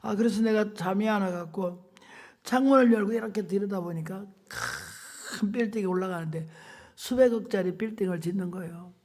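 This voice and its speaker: A woman's voice: mid-range voice, very animated, moderate pace, warm tone. An older woman preacher giving an emotional sermon testimony in a dramatic, colloquial, emphatic way. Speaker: revival preacher.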